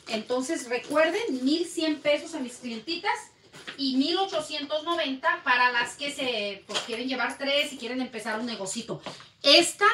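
A woman's voice: sits high, pushed and bright, a little hiss or hum. A woman with a Mexican accent, chatting casually to viewers while selling handbags and often talking in circles. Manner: chatty, rambling, addresses viewers directly. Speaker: online bag seller. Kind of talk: casual sales live stream. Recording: echoey room, mic at a distance.

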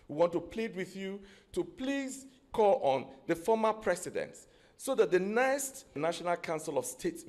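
A man's voice: a little high, a little mellow. A middle-aged man with a Nigerian accent making an earnest, pleading formal statement into a handheld microphone. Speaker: group president. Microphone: handheld mic held close.

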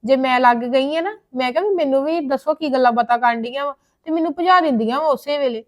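A woman's voice: high-pitched, fast, natural voice. A young woman playing a jealous younger sister who argues and complains to her mother. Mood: complaining. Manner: whiny, argumentative. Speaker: younger daughter.

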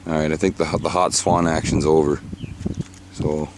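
A man's voice: a bass voice, level tone, moderate pace, noisy background. A man on a small fishing boat, chatting casually and joking to the camera, swearing freely. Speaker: fishing vlogger. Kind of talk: casual outdoor chat with jokey commentary. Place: small fishing boat on a marshy bay outdoors.

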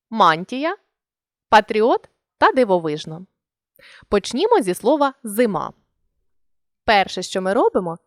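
A woman teaching a lesson, explaining step by step and calling out terms one at a time in a clear, measured way. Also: mid-range voice, a little mellow, dry recording, studio quality. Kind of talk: instructional explanation.

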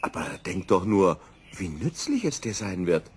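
A man voicing a calm, practical middle-aged wife in a storybook reading. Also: low-pitched, a little slow, slight background noise. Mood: encouraging. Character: sensible middle-aged housewife.

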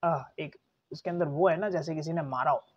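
A young man teaching English pronunciation in a casual spoken lecture, patiently repeating words slowly with chatty asides. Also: on the high side, husky. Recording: dull lo-fi recording.

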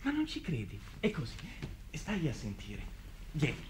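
A naive young man in a 1950s TV drama, excited and chatty. His voice is rather high and swings widely in pitch. A faint hiss sits under the old recording. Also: unhurried. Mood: boastful. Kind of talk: 1950s television drama acting.

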